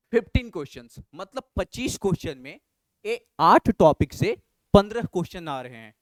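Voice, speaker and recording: A man with a high, smooth voice teaches physics in an emphatic way, circling back to repeat the advice that matters most. The recording is close and dry, with no room sound around him. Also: no room sound. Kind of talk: exam analysis lesson.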